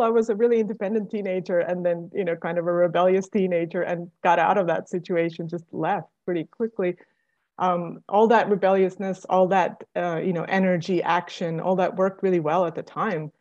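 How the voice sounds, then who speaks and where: A woman's voice: on the low side, fairly even intonation, a little fast, a little mellow. Woman from Estonia, hesitant and reflective. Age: 40s. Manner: hesitant, many fillers and restarts. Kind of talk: reflective conversation. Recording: dull lo-fi sound.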